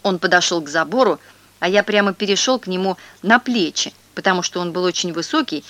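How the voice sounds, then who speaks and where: A woman reading a children's story aloud in a lively, expressive way. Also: fairly low pitch, a little fast.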